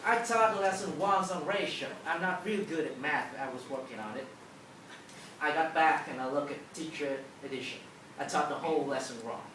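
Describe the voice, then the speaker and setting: A woman's voice: low voice, normal speed, a bit bright. Female public speaker, emphatic storyteller, motivational delivery, captured at a distance in a very reverberant hall. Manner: emphatic storytelling, acting out dialogue. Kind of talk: motivational talk to a live audience. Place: large auditorium with an audience. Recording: echoey hall, distant, noisy.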